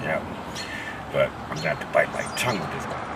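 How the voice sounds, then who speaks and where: A man playing a frustrated, worried laid-off worker who mutters and repeats his words in a halting dramatic monologue. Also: very deep voice, expressive, heavy background noise. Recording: distant voice under loud music.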